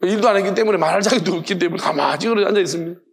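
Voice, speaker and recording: A man's voice: high voice, very fast, gravelly. A male pastor with a Gyeongsang accent preaching a sermon, firing off rhetorical questions with emphasis.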